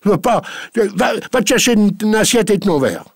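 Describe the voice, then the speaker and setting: A gruff, bossy old farm master, put on by a male storyteller, who roars and swears when he does not get his way. The voice is strained high and loud, rough and gravelly, and it sounds close and dry. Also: animated, normal speed, dry recording, heavily acted. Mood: bellowing. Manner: bellowing, swearing, impatient.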